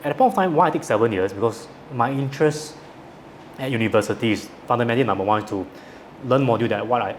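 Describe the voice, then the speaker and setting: A man's voice: mid-range voice, quick pace. A man in his thirties with a Singaporean accent, telling his story as an interview guest in colloquial Singlish with sentence-final particles. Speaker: guest, entrepreneur. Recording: clear background noise.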